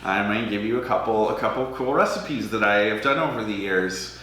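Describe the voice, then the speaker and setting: A man's voice: fairly low pitch, lively intonation, brisk, fairly bright tone, a little hiss or hum. Chatty man hosting a charity auction, echoey room. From Alberta, Canada. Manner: chatty, self-deprecating, hesitant with many ums. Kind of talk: casual livestream auctioneering.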